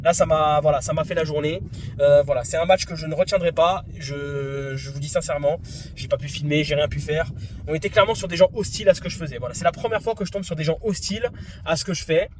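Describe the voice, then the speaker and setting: A man in his twenties from France, retelling a tennis match dispute in an indignant, animated vlog. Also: fairly high pitch, quick pace, noisy background. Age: 20s. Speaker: tennis vlogger. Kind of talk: vlog story recap.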